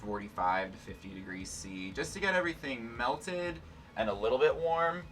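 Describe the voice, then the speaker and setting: A man's voice: mid-range voice, lively intonation, normal speed, a bit bright, distant mic, faint music behind. A man with the sassy, campy manner of a drag queen, hosting a casual chemistry demonstration. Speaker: host teaching a chemistry experiment. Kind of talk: casual instructional chat.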